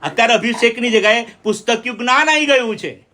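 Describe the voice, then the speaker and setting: A man's voice: very high voice, fast talker, bright, forceful tone. A middle-aged man from India preaching a sermon with call-and-response. He speaks with emphasis and keeps asking his listeners questions.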